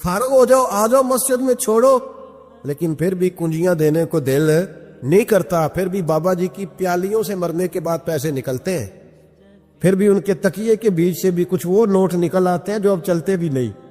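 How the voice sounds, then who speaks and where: A man's voice: high voice, mellow. A male preacher giving an impassioned sermon full of rhetorical questions. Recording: long hall reverb with music.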